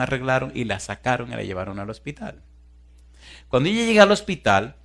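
A man's voice: medium pitch, vocal fry, a bit bright. A man preaching a sermon, telling a story dramatically and pressing his listeners with fervent, emphatic questions.

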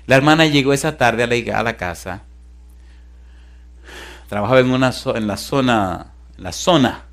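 A male pastor giving a sermon, moving between loud rousing calls and hushed storytelling. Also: medium pitch.

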